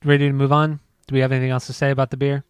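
Here the podcast co-host talks rapid-fire in a mid-range voice, his delivery completely flat and his tone clean. It's easygoing banter with his friend, full of jokes and swearing, recorded with no room sound.

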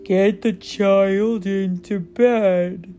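A woman voicing a small, eager male monster pupil who answers slowly and earnestly, with music playing behind. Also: mid-range voice, fairly even intonation, mellow, lo-fi sound, voice pushed down.

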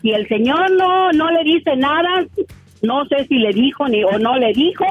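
A woman's voice: high-pitched, animated, unhurried, soft background music. A woman calling in by phone, telling an indignant story with lots of energy. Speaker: caller. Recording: tinny phone line.

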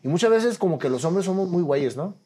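A middle-aged man with a Mexican accent hosts the interview, asking casual questions with easy slang. His voice is fairly high for a man. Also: animated, fast talker, dark tone, slightly rough. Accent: Mexican Spanish. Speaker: podcast host. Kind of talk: interview conversation.

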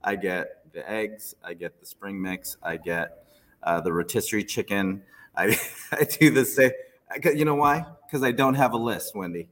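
A man hosting a casual chat, self-deprecating and quick to laugh. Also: lowish voice, a bit bright, big-room sound.

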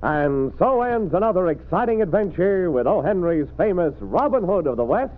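Old timey radio announcer guy, high voice, very animated, tinny sound, bit of music behind. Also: normal speed.

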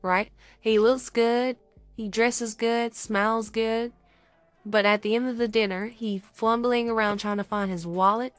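A woman co-hosts a podcast in a casual advice chat, lively and playful, slipping into other people's voices. Her voice is dry and close, with faint music playing underneath. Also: a little high, unhurried, no echo. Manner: animated, acts out dialogue with others' voices. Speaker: podcast co-host.

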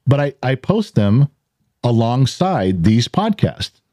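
A man's voice: mid-range voice, big pitch swings, slow, warm tone, dry recording. A middle-aged man hosting a casual podcast in a rambling, self-deprecating way, with audible heavy breathing and huffing between phrases. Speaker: podcast host.

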